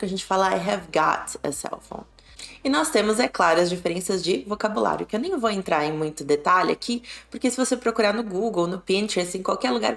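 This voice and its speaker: A young woman with a Brazilian Portuguese accent, explaining English to camera in a clear, friendly teaching tone. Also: medium pitch. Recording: echoey room with faint music.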